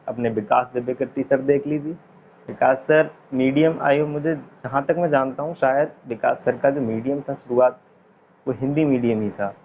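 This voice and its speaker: Man, casual classroom teacher, repeats words slowly, dull lo-fi sound, faint hiss. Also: mid-range voice, vocal fry, a little mellow. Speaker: English teacher.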